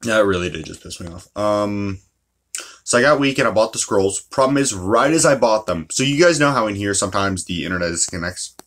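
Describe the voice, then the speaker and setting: A man's voice: on the low side, expressive, a little fast, fairly bright tone. A man giving casual, profanity-laced commentary while playing a mobile game, ranting about his luck. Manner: chatty, swears freely, ranting.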